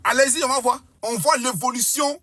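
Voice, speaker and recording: A woman's voice: high voice, fairly quick, fairly bright tone, husky, no room sound. A woman giving fervent, boastful commentary to viewers, piling up exaggerated claims. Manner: emphatic, boastful, hyperbolic.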